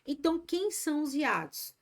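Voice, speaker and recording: A woman's voice: high voice, sing-song, normal speed. A middle-aged woman from Ceará, teaching a live online grammar lesson and chatting encouragingly with her students. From Ceará, Brazil.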